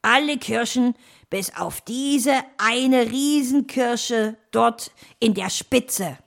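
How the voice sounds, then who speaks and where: A woman's voice: a little high, slow, vocal fry, voice pushed up. A woman voicing a kindly, good-humoured male fox in a children's audio story, chuckling and easygoing. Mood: jovial.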